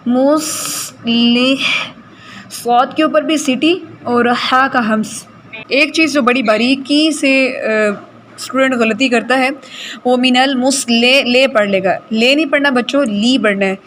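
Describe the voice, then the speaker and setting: High-voiced woman teaching recitation. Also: a bit bright, slight background noise. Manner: corrects pronunciation, models words slowly. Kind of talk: online recitation class.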